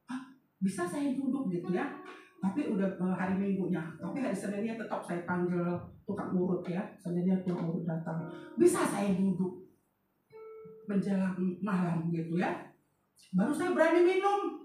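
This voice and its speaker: A woman's voice: lowish voice, expressive, normal speed, warm tone. Woman pastor preaching in an echoey church. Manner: chatty, conversational preaching with frequent rhetorical questions to the congregation; tells a personal story with laughter and quoted dialogue. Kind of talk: sermon. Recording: echoey church hall, voice from a distance, music faintly behind.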